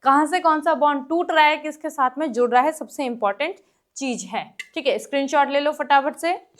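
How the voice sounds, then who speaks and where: Woman, high voice, teacher, exam-prep lesson, asks students questions, reads English slowly, coughs now and then. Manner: explains step by step in Hindi mixed with English, keeps asking the class questions.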